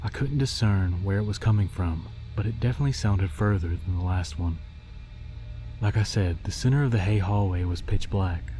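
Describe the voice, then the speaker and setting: Low, haunting male horror narrator, dark voice. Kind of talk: scripted scary story narration. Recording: music behind the voice. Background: music.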